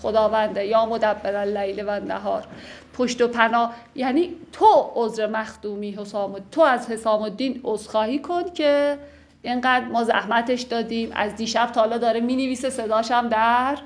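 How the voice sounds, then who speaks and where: A woman teaching classical poetry, explaining the lines in a chatty way and reciting the verses slowly and with care. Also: on the high side. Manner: slow, measured recitation of verse, lively conversational explanation.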